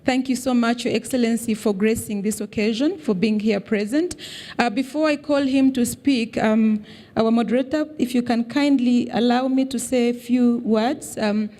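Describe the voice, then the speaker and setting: A woman's voice: a little high, fairly even intonation, normal speed, warm tone. A woman giving a welcome speech at a summit as head of mission, engaging the audience with questions. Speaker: chief of mission. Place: conference hall stage.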